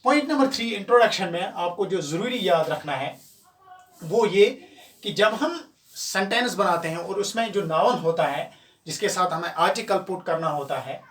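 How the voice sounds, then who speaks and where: A man teaching an English grammar lesson, explaining step by step and repeating examples slowly. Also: high voice, animated, fairly bright tone. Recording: echoey room, voice from far off.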